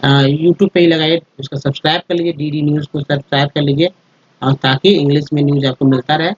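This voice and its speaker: A man's voice: fairly high pitch, fairly even intonation, fast, breathy edge, dry recording, dull audio. A man teaching a lesson over slides, explaining step by step, spelling letters out and repeating words, and often checking that his listeners follow. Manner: addresses viewers as friends, checks with "ठीक है". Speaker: English teacher.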